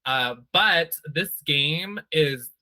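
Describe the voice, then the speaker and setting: A man hosts a laid-back gaming panel, chatty and full of slang and playful asides. His voice is strikingly bright, a little higher than most men's, and the sound is close and dry. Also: animated, extremely slow, dry recording. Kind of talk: casual chat.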